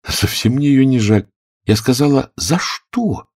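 A man's voice: mid-range voice, expressive, a little slow, darkish tone, no room sound, studio quality, pitched above the performer's own voice. A man voicing a curious young girl who talks firmly and plainly. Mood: bold. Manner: firm and plain-spoken.

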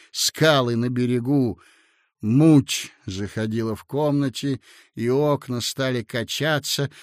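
A man reading an audiobook in a measured, expressive narration. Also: medium pitch, dry recording, studio quality. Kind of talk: scripted narration.

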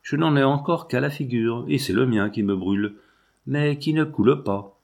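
A man's voice: medium pitch, normal speed, gravelly, a little mellow, pitched above the performer's own voice. A man reading the lines of a proud, desperate young noblewoman with a harsh, hard voice. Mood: fierce.

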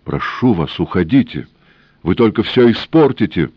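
A man voicing a young, educated engineer who pleads and shouts in desperation. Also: lowish voice, big pitch swings, normal speed, breathy edge, no echo, lo-fi sound, pitched above the performer's own voice. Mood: pleading.

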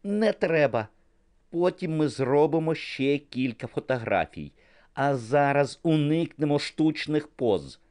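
A man voicing an excitable male fashion photographer who shouts commands at models. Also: unhurried. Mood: excited. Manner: shouting commands, high-pitched.

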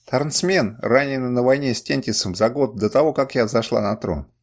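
A man's voice: mid-range voice, normal speed, natural voice. A man voicing a proud young woman, a deposed queen, speaking with commanding dignity in an audiobook.

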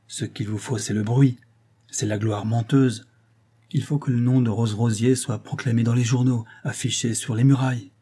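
Homme jouant un mari sévère et blessé. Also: male voice, mid-range voice, fairly even intonation, normal speed, warm tone, husky, close to an everyday voice. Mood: stern. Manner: stern, pleading, emphatic. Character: stern, wounded husband, proud and severe.

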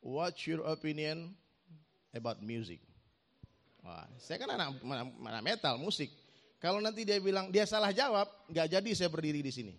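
A man delivering a storytelling sermon about his own past, acting out the voices of the people in his story and joking with the congregation. His voice sits a little high for a man and swings widely in pitch, so the telling sounds lively and animated. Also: a little fast, creaky. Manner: animated, acts out dialogue, joking with the audience. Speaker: preacher giving a personal testimony.

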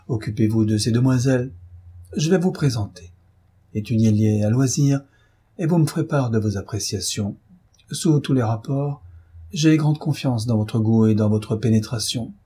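Man reading as a cocky young marquis, joking around, mellow and a bit raspy. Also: mid-range voice, natural voice. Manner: light, teasing banter. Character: young worldly marquis, breezy and self-assured.

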